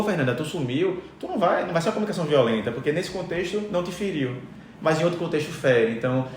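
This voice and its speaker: A man's voice: medium pitch, a little hiss or hum. A man as a podcast guest explaining ideas conversationally, emphatic and full of fillers. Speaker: podcast guest, business speaker. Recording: roomy echo, faint ambience.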